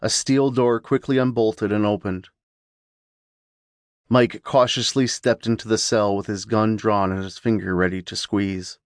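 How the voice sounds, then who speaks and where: Male audiobook narrator for horror fiction; lowish voice, measured delivery, dry close studio sound. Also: fairly even intonation, dry recording.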